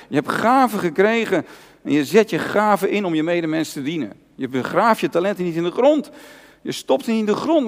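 Man, pastor, earnest sermon, emphatic repetition, reverberant church hall. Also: sits high. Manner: earnest, personal preaching with repeated emphatic phrases.

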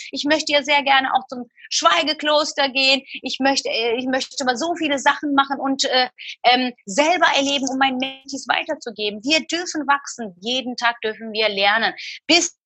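Bright, emphatic woman coach. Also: sits high, husky, no echo. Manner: emphatic, repeats phrases, motivational. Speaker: mentor and coach. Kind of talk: interview guest, motivational talk.

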